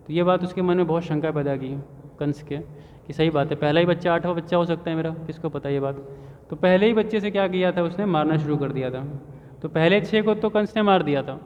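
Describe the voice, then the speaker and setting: A man with a high voice tells a devotional story in a sermon and keeps asking the audience rhetorical questions. His voice rings out in a long hall reverb, and the sound is a little dull and muffled. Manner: narrates with frequent rhetorical questions. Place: temple hall.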